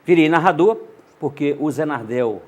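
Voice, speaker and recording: Husky, lively older man from Minas Gerais. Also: on the high side, moderate pace. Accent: Minas Gerais Brazilian Portuguese. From Montes Claros, Minas Gerais, Brazil. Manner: animated, acts out dialogue in voices. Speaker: journalist and radio narrator, guest. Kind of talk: casual storytelling interview.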